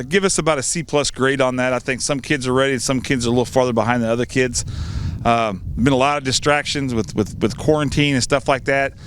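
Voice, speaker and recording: A middle-aged American man, a high school football coach, answering pregame interview questions in a plain-spoken way through a face mask. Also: a bit bright, clean tone.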